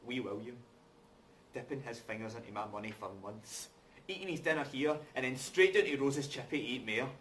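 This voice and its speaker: A wronged working-class man, acted by a man in a rehearsed play reading, scornful and accusing in colloquial speech. His mid-pitched voice sits away from the mic with some background noise. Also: fairly quick, a bit bright, far from the mic, lightly acted. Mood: bitter, accusing. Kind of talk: rehearsed stage reading of a drama.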